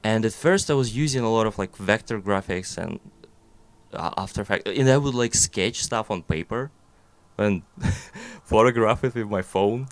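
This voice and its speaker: A young man with a Russian accent, a guest who works as an animator, chats casually in a fairly low voice at a moderate pace. He rambles through his thoughts, using lots of fillers and making self-deprecating jokes.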